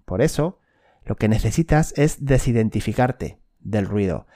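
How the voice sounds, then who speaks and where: Mellow-voiced man coaching. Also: fairly low pitch, expressive, a little slow. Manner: direct, addresses listener, tags points with "okay?". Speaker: sports mental coach. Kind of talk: instructional talk to camera.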